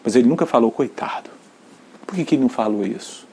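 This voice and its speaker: Husky Brazilian male pastor, earnest sermon delivery, whisper-soft to loudly emphatic. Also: medium pitch, expressive, very fast. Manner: earnest testimony, drops to near whispers, climbs to loud emphatic peaks.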